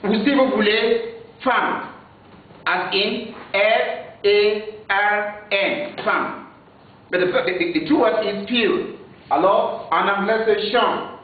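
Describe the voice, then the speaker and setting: A man with a Nigerian accent teaching a French lesson, repeating words slowly for pupils to learn. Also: high voice. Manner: slow, repeating words for drilling. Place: school classroom. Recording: distant, echoey, phone-like audio.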